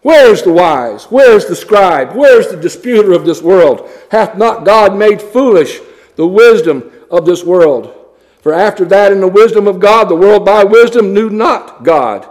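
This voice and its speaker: A man with a notably high voice delivers a sermon. His preaching is blunt and scornful, and he reads scripture in old-fashioned wording. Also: lively intonation, unhurried, darkish tone.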